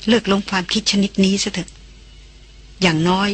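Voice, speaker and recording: A woman reading an audiobook, voicing a calm, worldly foreign woman who teases a younger man like an older sister. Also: mid-range voice, normal speed, breathy edge, lightly acted. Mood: earnest. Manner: gently mocking, older-sister tone.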